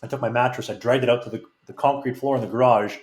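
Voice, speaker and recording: A man's voice: medium pitch, steady tone, fast talker. A man who is a podcast guest tells frank, rambling anecdotes in a casual storytelling way, with many restarts. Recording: roomy echo.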